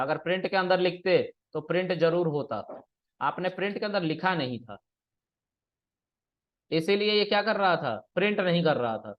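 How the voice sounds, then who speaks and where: A man teaching programming in a casual classroom way, explaining step by step and checking that students follow. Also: high-pitched. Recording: dull lo-fi recording.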